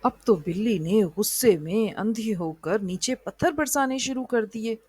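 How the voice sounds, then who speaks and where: A woman narrating a children's moral story in an even storybook reading style. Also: mid-range voice, a little slow, breathy edge, dry recording.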